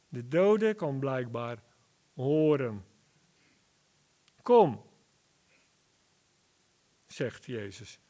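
Slow, deliberate male preacher. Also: on the high side, a little mellow. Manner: slow, deliberate Bible exposition with emphatic rises. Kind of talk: sermon.

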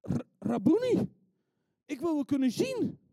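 A man voicing a blind male beggar who cries out desperately in loud pleading shouts. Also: very high-pitched, very animated, unhurried, creaky, no room sound, clean studio sound, pitched above the performer's own voice, exaggerated voice.

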